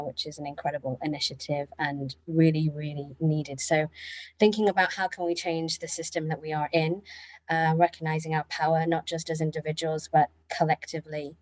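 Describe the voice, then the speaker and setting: A woman's voice: low-pitched, darkish tone, no echo, low-quality recording. A woman speaking informally and playfully as a panellist introducing her work. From Mauritius. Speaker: panellist, anti-racism activist.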